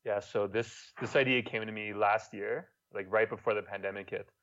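Fairly low in pitch, fairly even in intonation, and moderate in pace, this young YouTuber from Montreal speaks with a French Quebec accent and a fairly bright tone. He's a podcast guest sharing relaxed stories, casually dropping the occasional swear. The recording is muffled.

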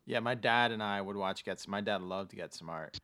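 A man hosting a casual podcast, explaining things in a halting way with frequent backtracking. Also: fairly low pitch, sharp tone. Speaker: podcast host.

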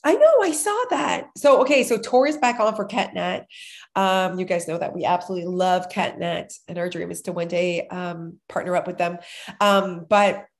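At a moderate pace, a podcast co-host in her thirties keeps up a casual, laughter-filled chat. Her voice is lowish and a bit nasal, as if she is slightly sick.

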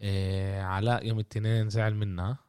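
A man with a Palestinian Arabic accent hosting a casual sports podcast, often halting and searching for words. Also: fairly low pitch, flat delivery, dark tone, clear, resonant tone, no echo, studio quality. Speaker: podcast host.

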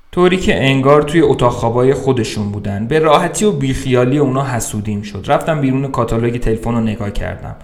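Brief: male storyteller, dry wry first-person reading, medium pitch. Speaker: podcast narrator. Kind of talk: reading a short story aloud.

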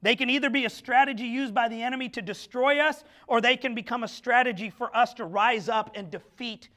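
A man with a strikingly high, bright, forceful voice delivers a church sermon. He preaches with passion, firing rhetorical questions at the congregation and stumbling over quick restarts as he builds his point. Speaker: pastor. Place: church sanctuary.

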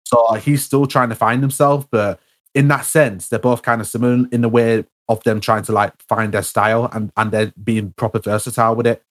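A young man, talking casually about music with a friend. He stumbles, restarts and repeats words often, padding his speech with fillers. His voice sits at an ordinary middle pitch. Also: little pitch movement, a little fast.

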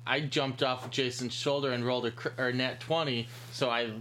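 A man co-hosting a casual podcast, tossing in dry, deadpan quips. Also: medium pitch, normal speed, slight background noise. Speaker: podcast co-host. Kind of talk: casual chat.

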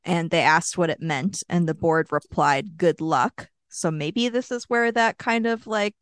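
A woman with a very low voice tells a history story in a loose, chatty way, full of "like" and "uh" and small wry jokes. The sound is dry and close to the mic, with no room around it. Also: measured pace, smooth, dry recording. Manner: chatty, storytelling with many fillers and asides. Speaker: podcast co-host. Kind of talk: casual chat.

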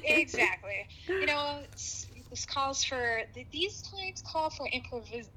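A woman co-hosting a podcast in casual chat, heard over a low quality phone line, talking in a rambling way with restarts. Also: lively intonation, measured pace, heavy background noise. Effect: heard over a phone line, low quality stream. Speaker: podcast co-host. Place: home.

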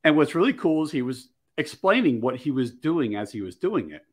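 A man's voice: a little high, very animated, a little fast. A man from Maryland, hosting a podcast, telling a story in casual chat and acting out the quoted dialogue. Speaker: podcast host.

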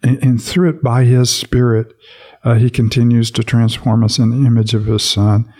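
A man with a mid-range, dark voice, fairly even in intonation and moderate in pace, hosts a devotional podcast. He reads scripture aloud, then reflects on it in an easygoing way, using many fillers when speaking freely.

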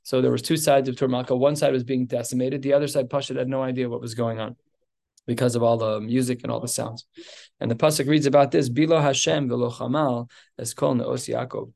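A man's voice: mid-range voice, level tone, brisk, gravelly, darkish tone. A man teaching a Talmud class, reading Aramaic phrases and explaining them in plain English with fillers and restarts.

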